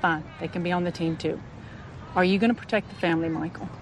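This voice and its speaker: A woman's voice: on the low side, steady tone, fast, close to an everyday voice. Firm coaxing mother, a woman playing her, film scene, outdoor traffic noise. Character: firm caring adoptive mother. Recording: noisy outdoor film clip.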